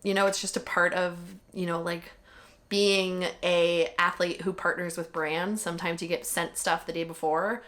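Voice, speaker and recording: Young woman vlogger, candid chatter, slightly low-pitched, talks freely. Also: little pitch movement, moderate pace, fairly bright tone. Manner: candid and chatty, heavy with "like" and mild swearing. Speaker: vlogger recapping a marathon. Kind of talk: casual chat.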